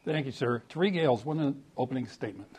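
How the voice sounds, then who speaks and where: A man's voice: medium pitch, expressive, very fast, darkish tone, slightly rough. A man moderating a political debate in a formal broadcast hosting style.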